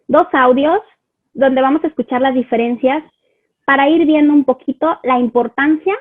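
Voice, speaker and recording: Woman, Mexican Spanish accent, teacher, chatty online workshop, high voice, tinny phone-like sound. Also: normal speed. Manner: warm, chatty teacher addressing parents, rhetorical questions. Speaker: teacher giving a talk on child language development. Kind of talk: live online workshop talk. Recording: phone-like, lo-fi online stream audio.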